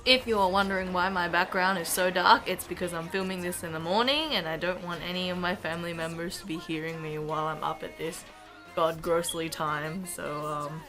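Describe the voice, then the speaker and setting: A woman's voice: on the low side, fairly even intonation, fairly quick, over music. Chatty young woman with a stuffy nasal cold. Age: young adult. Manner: chatty, rambling, swears casually, frequent fillers. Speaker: vlogger. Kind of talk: casual storytelling vlog. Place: in bed in a dark bedroom, early morning. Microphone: camera in front of her.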